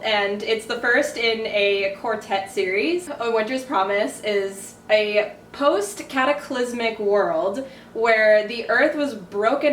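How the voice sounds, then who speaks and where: A woman's voice: medium pitch, fairly bright tone, slight background noise. A young woman co-hosting a casual book haul chat, earnestly summarizing plots. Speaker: booktube co-host. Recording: echoey room, from a distance.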